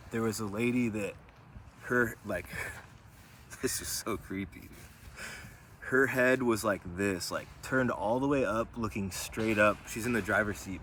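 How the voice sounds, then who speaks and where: A man's voice: fairly low pitch, a bit bright, slight background noise. A man telling a personal testimony in a vlog, rambling, with lots of fillers, and often checking in with "right?". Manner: rambling, filler-heavy, keeps asking "right?". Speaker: vlogger.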